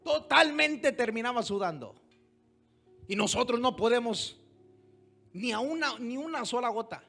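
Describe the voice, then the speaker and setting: A man preaching a sermon as pastor, moving from hushed storytelling to loud exhortation and throwing rhetorical questions at the congregation. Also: extremely high pitch, lively intonation, measured pace, vocal fry, faint music behind. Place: church service.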